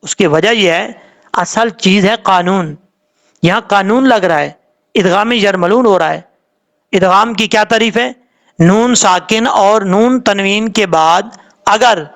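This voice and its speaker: A man teaching Quran recitation rules, patiently going letter by letter and slowly drawing out each word he demonstrates. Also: high-pitched, fairly bright tone. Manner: slowly draws out sounds when demonstrating words. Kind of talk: tajweed lesson explaining pronunciation rules.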